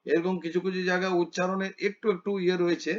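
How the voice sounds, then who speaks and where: Teacher, male, high voice; gentle corrective tone, lo-fi call audio. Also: little pitch movement, quick pace. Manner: gentle, corrective, repeats page numbers. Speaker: priestly studies teacher. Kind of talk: online class instruction.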